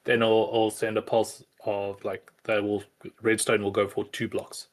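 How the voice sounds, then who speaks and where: A man's voice: on the low side, little pitch movement, measured pace. A man with a South African accent, patiently explaining game mechanics in casual voice chat with some hesitant fillers.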